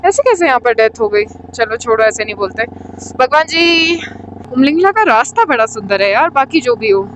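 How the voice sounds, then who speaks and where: A woman's voice: fairly high pitch, lively intonation, normal speed, slight background noise. A woman motorcycle vlogger chatting casually as she rides outdoors on a mountain road, thinking aloud and calling everyone brother. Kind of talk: casual chat while riding.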